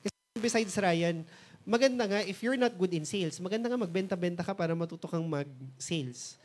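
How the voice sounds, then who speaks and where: A man's voice: sits high, animated, fairly quick. Filipino man telling a story, mixing Tagalog and English. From Philippines. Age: 30s. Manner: storytelling, switches between Tagalog and English, acts out remembered dialogue. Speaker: mentor and motivational speaker. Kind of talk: personal success story talk.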